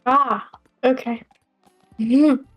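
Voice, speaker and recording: A woman's voice: sits high, fairly even intonation, very slow, fairly bright tone, faint music behind. A woman in a casual stream chat, reacting with short, incredulous remarks.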